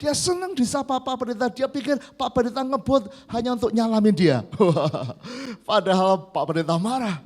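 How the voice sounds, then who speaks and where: A male pastor preaching a sermon at a church service, telling lively stories and prompting the congregation to repeat key words back to him. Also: very high voice, moderate pace.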